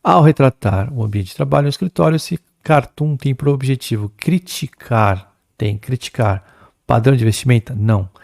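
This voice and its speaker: A middle-aged Brazilian man teaches a chatty exam-prep English lesson, lively and talking to his students. His mid-range voice is mellow and gravelly with a lot of fry, and he slows down whenever he reads English text aloud. The recording is close and dry.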